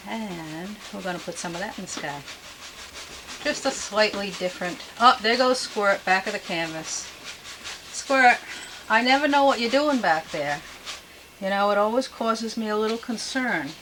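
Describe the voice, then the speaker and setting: A woman giving an unscripted painting demonstration as a gentle instructor, with homely, folksy, chatty asides. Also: mid-range voice, expressive, a little slow, slight background noise, poor audio. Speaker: painting instructor and show host.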